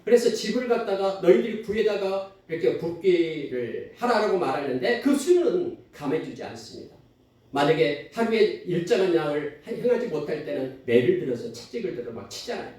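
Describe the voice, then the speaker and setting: A man's voice: on the high side, very animated, brisk, a little mellow. A male pastor preaching a sermon, telling the story with animation and acting out the quotes. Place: church sanctuary. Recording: echoey church hall, distant mic.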